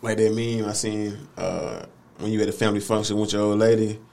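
Man, co-host, low gravelly voice, faint background hiss. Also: fairly quick. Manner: relaxed, questioning, profane. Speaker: podcast co-host. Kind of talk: casual chat.

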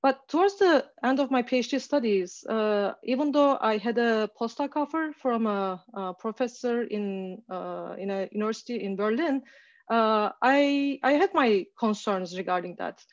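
A woman's voice: on the high side, normal speed, dry recording. Woman from turkey in her 30s giving a casual talk over a call, lots of uh and restarts, dry muffled sound. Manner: hesitant, many fillers and restarts. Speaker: guest speaker.

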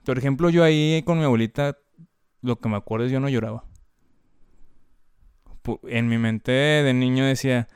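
A man with a Mexican Spanish accent, speaking in a candid, slangy conversational way. His voice is smooth and resonant. The recording is dry and close, with little room sound. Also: mid-range voice, moderate pace, pauses often, a little mellow, no room sound. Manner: candid and heavily slangy, lots of filler words. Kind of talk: casual conversation.

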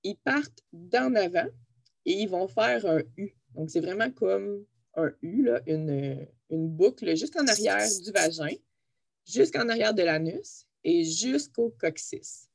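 A woman's voice: mid-range voice, animated, takes it slowly, creaky, dry recording, studio quality. A woman with a Quebec French accent, a physiotherapist co-hosting a podcast, explaining anatomy in a chatty way and laughing easily. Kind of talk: casual explanatory podcast chat.

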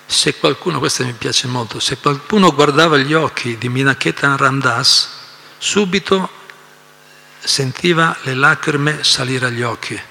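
A man reads and explains scripture to a devotional class, animated, with many asides. His voice is bright, sharp and gravelly. Long reverb trails off in the hall. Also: medium pitch, a little slow. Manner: animated storytelling with frequent asides and repetitions.

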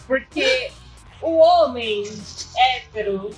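A high-voiced woman co-hosting a casual podcast, making her points with firm opinions. She reacts quickly and chimes in often during the banter. Faint music sits behind her voice. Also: animated. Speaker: podcast co-host. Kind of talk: casual chat.

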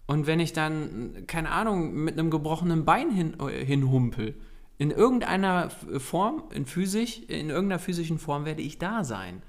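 A man's voice: a little high, big pitch swings, moderate pace. A young adult man co-hosting a podcast, talking earnestly and urging listeners directly, with frequent fillers. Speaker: podcast co-host. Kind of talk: casual coaching talk.

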